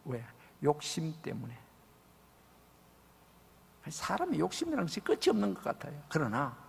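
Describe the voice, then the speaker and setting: Male revival preacher, husky and gravelly, dramatic storyteller in a reverberant sanctuary. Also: on the high side. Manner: dramatic storytelling, acts out quoted voices, swings from loud to hushed. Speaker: pastor. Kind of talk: revival sermon. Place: large church sanctuary. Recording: church hall with long reverb.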